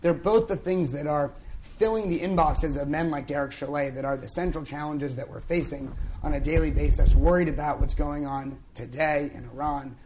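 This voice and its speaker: Hoarse young man moderating a panel. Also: on the high side, darkish tone, slight background noise. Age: young adult. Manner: conversational, with many fillers and restarts. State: hoarse, lost his voice. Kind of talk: conference panel introduction. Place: conference event on stage.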